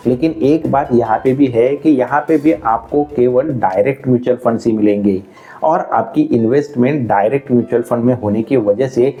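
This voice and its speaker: A man's voice: mid-range voice, normal speed, lo-fi sound, faint music behind. A man explaining investing options in a conversational, step-by-step way. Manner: conversational, walks through examples step by step. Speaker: finance educator. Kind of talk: explainer video.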